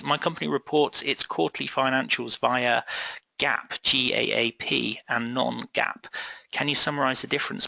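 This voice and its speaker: A man's voice: medium pitch, vocal fry, pushed and bright, no echo, highs cut off. A man moderating a live online class, reading out audience questions hesitantly and with frequent ums and uhs.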